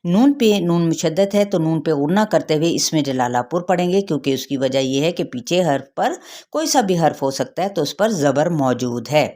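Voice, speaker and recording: Low-voiced woman teaching tajweed. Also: lively intonation, moderate pace, mellow. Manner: patient, repeats rules, checks with "theek hai". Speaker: Quran recitation teacher. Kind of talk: tajweed lesson, explaining rules then reciting slowly.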